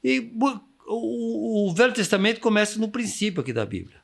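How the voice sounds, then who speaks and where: A man's voice: sits high, animated, normal speed, gravelly. A man, a missionary guest giving enthusiastic, preaching-style advice and acting out the inner voices he quotes. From Brazil. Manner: exuberant, acts out quoted inner voices, calls for amens.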